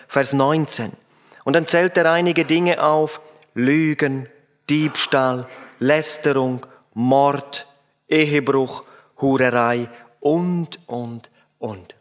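A man preaching a sermon, emphatic and speaking straight to his listeners. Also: mid-range voice. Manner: emphatic, addresses listeners directly.

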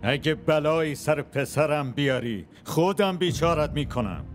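A man's voice: a little high, expressive, faint music behind, close to an everyday voice. A man dubbing a protective, threatening father in a drama series. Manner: menacing. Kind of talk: Persian dub of a drama series.

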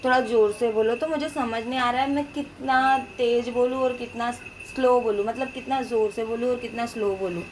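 Young indian woman doing a loud chatty home vlog voiceover, slightly high voice. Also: fairly even intonation, a little fast, few pauses, a little hiss or hum. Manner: talks loudly and chattily to viewers. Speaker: family vlogger. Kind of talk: casual home vlog voice-over. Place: at home, indoors.

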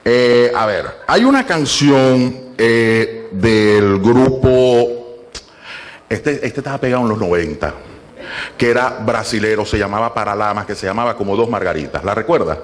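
A man's voice: fairly low pitch, unhurried. A man doing playful stand-up crowd work, ordering a volunteer around. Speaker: stand-up comedian. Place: comedy club stage. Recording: loud live audience in a club.

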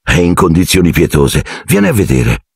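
A man voicing an eager, excitable teenage boy in a storybook reading. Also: low voice, moderate pace, creaky, husky, dry recording, clean studio sound, heavily acted. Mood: explaining.

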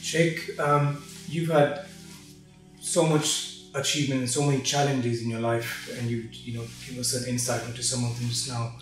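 A man's voice: mid-range voice, little pitch movement, normal speed. A man hosting an interview, polite and deferential, with many fillers between his phrases. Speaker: interview host. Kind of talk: hosted interview. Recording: distant mic in a very echoey room, faint music.

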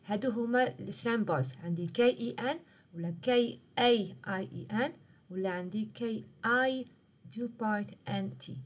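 A woman's voice: mid-range voice, breathy edge. A woman with an Algerian Arabic accent giving a live-streamed English revision lesson, switching between Arabic, French and English words and checking in with "okay?". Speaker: English teacher.

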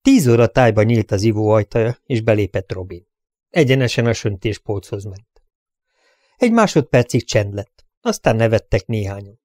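A man's voice: fairly low pitch, lively intonation, darkish tone, no room sound. Man narrating an audiobook, dry.

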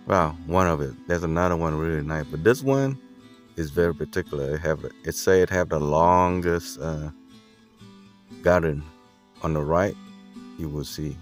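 A man in his sixties, an Air Force veteran, casually narrating a road trip from behind the wheel with halting filler pauses. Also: rumbling low, faint music behind. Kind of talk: casual travel vlog narration. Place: inside a car, driving. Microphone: camera mounted on the dashboard.

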